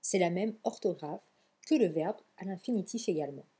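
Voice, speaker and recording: Mellow, husky teacher woman. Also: lowish voice, a little fast. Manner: chatty, encouraging, mixes English phrases into French. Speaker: English pronunciation teacher. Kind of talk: online language lesson.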